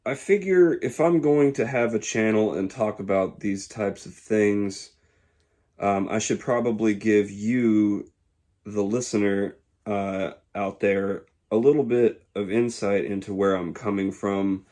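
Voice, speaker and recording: A man in his twenties from Georgia, speaking in a casual, reflective monologue that pauses often to find the words. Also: on the low side, steady tone, dark tone. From Georgia, USA. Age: 20s. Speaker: YouTuber.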